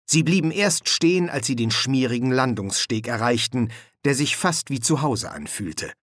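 A man narrating an audiobook with a lively storytelling delivery on a close microphone. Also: mid-range voice, normal speed, no echo. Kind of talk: scripted narration.

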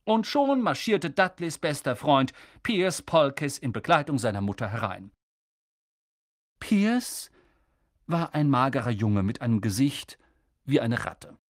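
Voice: medium pitch, sing-song, a little slow, no echo, studio quality. An audiobook narrator reading a story expressively and voicing its characters.

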